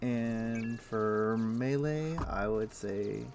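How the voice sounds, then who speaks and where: Soft music sits behind this man's lowish, very slow speech. He's casually streaming a game from home on a headset, thinking aloud in a relaxed way with frequent fillers.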